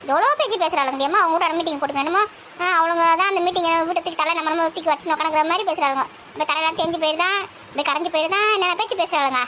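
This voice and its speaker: A woman, grumbling and gossiping loudly in a comic village sketch. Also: very high voice, rapid-fire, slight background noise. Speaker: comedy sketch performer.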